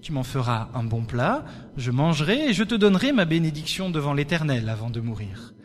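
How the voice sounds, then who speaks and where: A man's voice: on the high side, big pitch swings, fairly quick, big-room sound. A man voicing a mother in a Bible reading, urging her younger son on, read in an insistent way with little change from his own voice. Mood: urgent.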